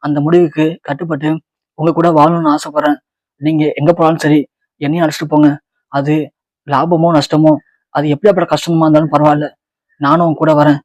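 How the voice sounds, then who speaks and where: A man's voice: fairly high pitch, little pitch movement, fairly quick, pauses often, darkish tone, no echo, muffled recording, close to an everyday voice. A man voicing a devoted, indignant young wife. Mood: pleading. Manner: pleading, then scornful.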